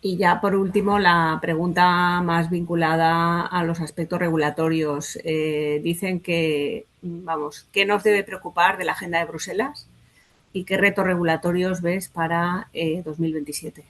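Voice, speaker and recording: Spanish woman moderator, lower voice, courteous measured questioning. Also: fairly even intonation, a bit bright. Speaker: panel moderator. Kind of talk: moderating a conference panel.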